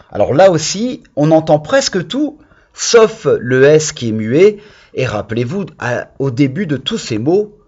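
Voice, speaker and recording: A man teaching young children in a recorded lesson, patient and encouraging, stretching out the key words slowly. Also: medium pitch, a little mellow, breathy edge, highs cut off. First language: French. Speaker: primary school teacher.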